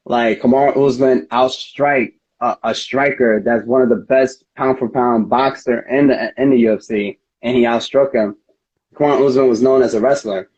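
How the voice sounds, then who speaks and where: Interviewed as a guest, a mixed martial arts fighter rambles in an earnest, casual way. His mid-range voice has a slightly mellow quality, and the recording sounds dull and lo-fi.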